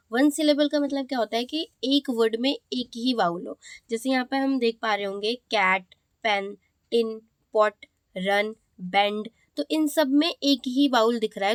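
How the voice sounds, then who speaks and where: A woman with an Indian accent teaching English pronunciation rules. She explains each rule in Hindi, then reads it out slowly in English, and checks in with "okay" again and again. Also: on the high side, no echo. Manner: slows down to read rules aloud in English, repeats "ठीक है". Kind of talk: classroom explanation.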